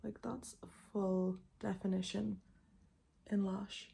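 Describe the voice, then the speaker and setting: A woman's voice: mid-range voice, little pitch movement, slow, gravelly, warm tone. A woman in her twenties chatting casually through a makeup tutorial, rambling informally, with a tongue piercing that clicks as she talks. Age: 20s. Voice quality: tongue piercing clicking faintly against teeth. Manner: informal, rambling, frequent filler "like". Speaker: beauty vlogger.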